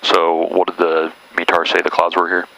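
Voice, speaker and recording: A man's voice: low-pitched, completely flat delivery, moderate pace, vocal fry, bright, forceful tone, rough recording. A man giving informal, step-by-step flight instruction over a cockpit headset intercom. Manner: explanatory, step-by-step. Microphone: aviation headset intercom.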